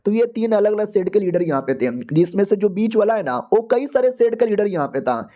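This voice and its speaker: A man narrates a comic recap in a loose, slangy, joking way. His voice is high and soft, with a warm tone. He keeps it chatty and casual, the way you would tell a friend a story. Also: very animated, fairly quick.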